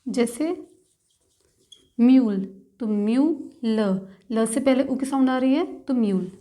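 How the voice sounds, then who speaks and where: A woman teaching shorthand in a patient lesson, slowly breaking words into their sounds one by one. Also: fairly high pitch, mellow. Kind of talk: step-by-step instructional lesson.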